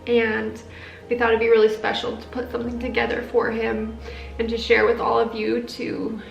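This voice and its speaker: A woman with a fairly high, creaky voice speaks tenderly and earnestly to her viewers. The sound is roomy, with faint music behind. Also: monotone, moderate pace, muffled recording. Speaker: family vlog host. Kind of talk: heartfelt personal talk to viewers.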